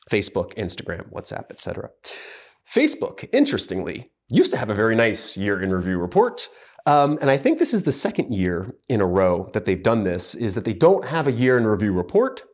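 A man's voice: lowish voice, huge pitch swings, brisk. A man co-hosting a podcast, talking through reports in a casual, analytical way, thoughtful and full of hedging fillers. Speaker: podcast co-host.

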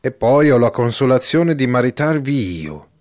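A man's voice: mid-range voice, sing-song, moderate pace, darkish tone, close to an everyday voice. A man reading the part of a timid, fretful older village priest, talking in fussy, rambling bursts. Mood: relieved. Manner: fussy, rambling, emphatic exclamations. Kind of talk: audiobook character reading.

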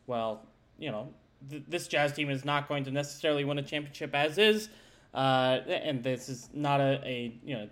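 A man's voice: fairly high pitch, fairly bright tone. A man hosting a sports podcast in a casual, conversational way with rambling asides. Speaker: podcast host.

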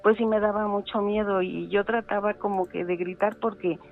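A middle-aged woman, calling in to tell a ghost story in a halting way with many fillers, over a phone line. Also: mid-range voice, fairly even intonation, soft background music. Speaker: caller telling a ghost story.

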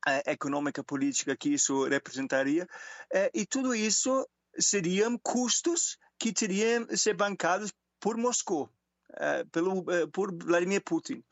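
Man, German accent, native German speaker, fairly high voice, some creak, halting expert commentary, dull Skype call. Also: no echo. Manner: hesitant, halting phrases with repeated words. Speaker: international relations professor, interviewed expert. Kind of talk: live expert interview commentary.

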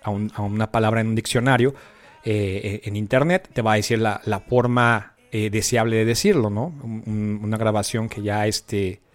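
A man with a Mexican accent, an English teacher giving a friendly, chatty podcast lesson with frequent filler pauses. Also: lowish voice, steady tone.

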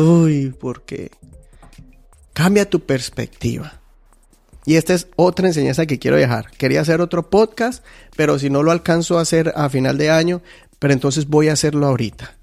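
A man with a slightly high voice gives an earnest devotional talk for his podcast. He teaches through stories, acts out the people in them, and takes his time, often restarting his sentences. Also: a little mellow. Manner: earnest, teaching, tells stories with quoted dialogue. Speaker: podcast host.

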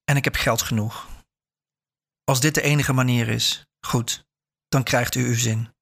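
A man's voice: mid-range voice, steady tone, measured pace, gravelly, fairly bright tone. A man reading a story aloud and voicing a nervous, stout businessman who stammers and hesitates. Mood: pleading.

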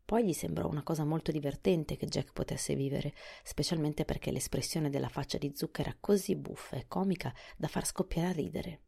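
A woman narrating a storybook in a soft, often hushed reading voice. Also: low voice, brisk, vocal fry, few pauses, husky. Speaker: audiobook narrator.

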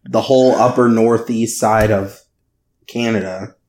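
A man's voice: fairly low pitch, steady tone, unhurried, a little mellow. A man co-hosting a casual podcast chat, joking and laughing often. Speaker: podcast co-host.

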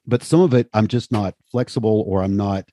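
Deep husky-voiced man in his fifties. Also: fairly even intonation, fairly quick, mellow, no room sound, studio quality. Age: 50s. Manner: enthusiastic, peppers talk with "man" and "right?". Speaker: podcast host. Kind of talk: casual conversation.

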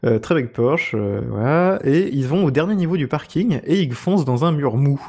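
A man's voice: on the high side, animated, normal speed, a little mellow, slightly rough. A man co-hosting, retelling things in a casual, comic, colloquial way with wry hesitations. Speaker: co-host of a film discussion.

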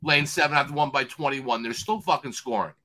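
A swearing sports bettor who rants loudly and plays out the other people in his story himself. His voice is bright and forceful, pitched at an ordinary middle height for a man. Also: a little fast. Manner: loud, swears constantly, acts out other voices. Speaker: sports betting handicapper guest. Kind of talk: profane ranting storytelling.

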